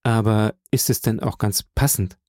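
A man voicing a sweet, eager young woman in a read-aloud story, speaking higher and lighter. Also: steady tone, moderate pace, darkish tone, no echo, studio quality, lightly acted.

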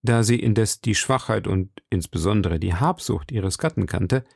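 A man narrating an audiobook in a steady, measured reading style. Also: lowish voice, creaky, slightly rough, no room sound, studio quality. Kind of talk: scripted narration.

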